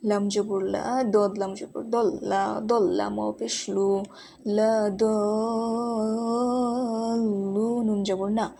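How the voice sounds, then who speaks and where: A woman's voice: mid-range voice, little pitch movement, normal speed, vocal fry, hardly any pauses, dark tone, a little hiss or hum. A woman teaching Quran reading, spelling out each letter and vowel mark one by one and then joining them into words. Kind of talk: slow spelling-out recitation lesson.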